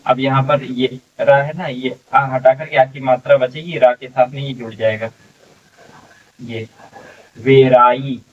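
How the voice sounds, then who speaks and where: A man teaches beginner phonics, stretching each word out slowly and saying it again and again, with a checking filler after almost every step. He sounds set back from the mic. The recording is dull and lo-fi. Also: mid-range voice, fairly even intonation, far from the mic. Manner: slow, drawn-out sounding out of words, repeating each one. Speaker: English reading teacher.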